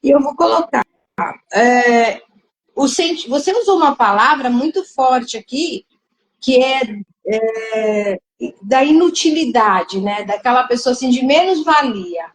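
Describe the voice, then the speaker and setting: A woman host with a high voice guides a live discussion at a slow, unhurried pace. She pauses often to find her words and sounds reflective as she sums up what others have said. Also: expressive, rough recording.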